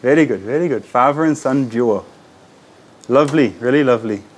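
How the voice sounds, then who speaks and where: A man's voice: medium pitch, a little fast, slight background noise. An enthusiastic, chatty man from New Zealand vlogging casually on location, mixing in Urdu greetings and interjections. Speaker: vlogger, host. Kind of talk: casual on-location vlog commentary. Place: inside small game shops in a Pakistani market.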